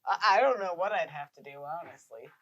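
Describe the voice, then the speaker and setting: A woman's voice: fairly low pitch, animated, quick pace, a bit bright, highs cut off. Woman, podcast co-host, teasing, laughs often, short quips. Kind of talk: casual chat.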